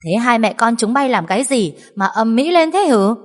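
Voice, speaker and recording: A woman's voice: lively intonation, normal speed. A woman voicing a bossy, scolding older mother-in-law in a reverberant recording. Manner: shrill scolding. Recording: long reverb.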